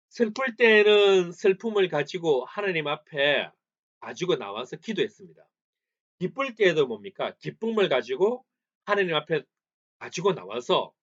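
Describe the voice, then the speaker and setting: A man's voice: on the high side, fairly bright tone. A male pastor preaching a sermon in church, asking the congregation questions, answering them himself and repeating phrases for emphasis. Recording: slightly dull lo-fi recording.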